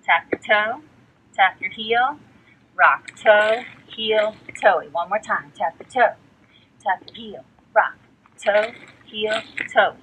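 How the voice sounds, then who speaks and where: A woman's voice: mid-range voice, takes it slowly, pushed and bright, slight background noise. A woman teaching a tap step, chanting the steps from a distance. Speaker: dance instructor. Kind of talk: dance tutorial.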